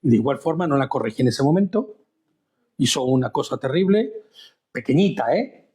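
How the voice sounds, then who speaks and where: Speaking at a moderate pace with a somewhat dark tone, this medium-pitched man sounds animated. He's teaching a Bible study in a chatty, conversational way, frequently asking his audience questions.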